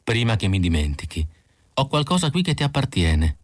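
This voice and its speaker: A man voicing a calm male spiritual guide who speaks slowly and gently in an audiobook. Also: medium pitch, no echo. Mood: gentle.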